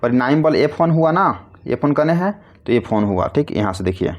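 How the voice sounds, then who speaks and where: A man's voice: medium pitch, animated, normal speed, highs cut off. A man teaching a physics lesson, asking questions and answering them himself in a repetitive, coaxing way. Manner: calls students "babu" affectionately. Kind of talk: classroom lecture explaining a derivation.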